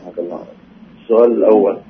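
A man's voice: lowish voice, fairly even intonation, racing, vocal fry. Male caller on a noisy phone line. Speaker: caller to a radio programme. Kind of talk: careful question-asking in mostly formal Arabic. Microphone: telephone.

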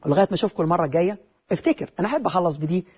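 Rapid-fire Egyptian Arabic motivational speaker, man. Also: high voice, breathy edge, highs cut off. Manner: lively, rhetorical, repeats phrases. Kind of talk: motivational talk.

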